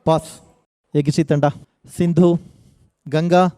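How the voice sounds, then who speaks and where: A man hosting a college quiz show on the radio, energetically urging contestants and reading questions slowly and with emphasis. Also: a little high, level tone, dark tone, no room sound, clean studio sound. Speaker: quizmaster.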